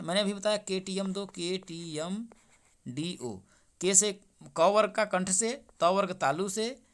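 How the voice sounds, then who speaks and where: A young man with a bright, forceful voice walks through exam answers. He keeps asking each question back, calls his listeners his friends, and then repeats the answer. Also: sits high. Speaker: exam-prep teacher. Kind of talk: exam paper solution lesson.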